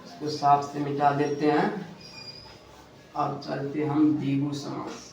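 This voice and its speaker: A man's voice: fairly high pitch, monotone, slow pace, gravelly. Echoey man teaching grammar at a board. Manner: repetitive question-and-answer teaching, frequent self-corrections. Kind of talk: blackboard grammar lesson. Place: classroom with a board. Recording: very echoey room, distant mic, faint hiss.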